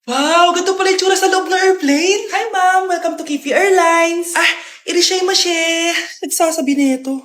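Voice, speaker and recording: Woman, very high voice, comedy skit acting, swings from wailing to scolding. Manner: switches quickly between loud crying and chatty scolding.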